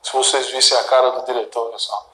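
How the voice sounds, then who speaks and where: A man's voice: mid-range voice, little pitch movement, fast talker, bright, forceful tone, roomy sound, rough recording. A man with a Brazilian Portuguese accent teaching an exam-prep grammar lesson in a studio, talking emphatically with frequent asides to the class. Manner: chatty and emphatic, dotted with "olha" and "né?" asides. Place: studio with a director watching.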